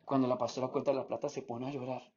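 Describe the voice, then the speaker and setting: Quick and medium-pitched with a breathy edge, this Colombian man's Bogotá-accented Spanish carries a lively sermon testimony in which he performs the quoted voices of the story's characters. The audio is slightly dull and lo-fi.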